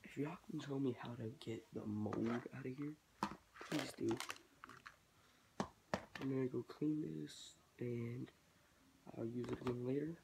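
A reptile-keeping teen vlogger drifts through a casual hobby chat in his small bedroom, musing aloud while he works. Congested from a cold, his voice has a gravelly low-end fry; his tone stays steady, his pace is a little slow, and he leaves long pauses. Clear hiss runs through the noisy webcam audio.

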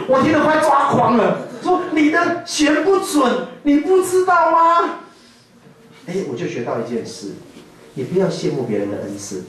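Taiwanese-accented male pastor, playful storyteller, high lively voice, distant mic in a booming hall. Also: a little hiss or hum. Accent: Taiwanese Mandarin. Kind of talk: lively sermon to a youth camp. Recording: echoey hall from far off.

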